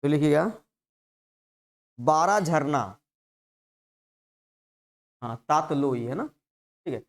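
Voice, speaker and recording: A man's voice: fairly high pitch, takes it slowly. A male teacher giving a live exam-prep class, repeating terms and coaxing students with constant checks. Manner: repetitive, coaxing, peppers lines with "hai na".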